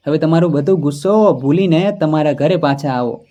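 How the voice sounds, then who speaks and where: A man voicing an earnest young husband who is insistent and quick to anger. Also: on the high side, dark tone, lightly acted.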